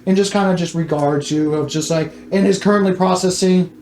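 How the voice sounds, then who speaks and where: A game master improvising tabletop game narration in a halting but animated storytelling manner. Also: medium pitch. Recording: echoey room with faint music.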